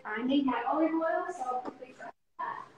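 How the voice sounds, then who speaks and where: A woman's voice: high-pitched, normal speed, highs cut off. A woman in her thirties co-hosting a cooking show from her home kitchen over a video call, friendly and talking through each cooking step. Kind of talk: casual cooking demonstration. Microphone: video call, laptop or phone camera. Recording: echoey kitchen with faint background noise.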